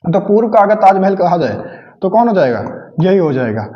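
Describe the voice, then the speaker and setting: A man's voice: high voice, very animated, moderate pace, reverberant, highs cut off. A man teaching an exam-prep lesson in a casual style, asking questions and answering them himself and repeating key facts. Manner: informal, joking asides.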